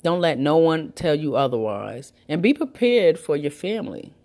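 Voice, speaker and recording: A woman's voice: sits low, very animated, normal speed, dark tone. A woman hosting a breastfeeding support talk, giving new mothers emphatic, repetitive, reassuring advice in casual, colloquial speech.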